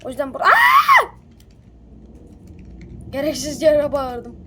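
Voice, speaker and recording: Excitable high-voiced woman gamer. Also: moderate pace, very noisy. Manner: excitable, chatty, talks to viewers and game characters. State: sick, coughing. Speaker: gaming video creator. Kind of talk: casual gameplay commentary.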